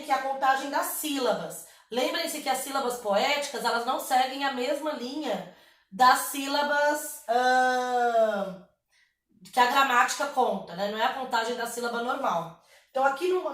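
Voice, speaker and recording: A woman's voice: high voice, far from the mic. Brazilian woman teacher in an echoey room. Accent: Brazilian Portuguese. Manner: patient, explanatory, checks in with "tá?". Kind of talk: online class lesson.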